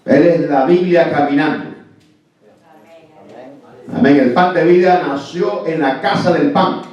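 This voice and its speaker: Heard in a heavily echoing, muffled, faraway church recording, a man from El Salvador preaches as a pastor. His voice is slightly high and darkish, his pace unhurried, and he's emphatic, repeatedly asking "amén" and "¿verdad?".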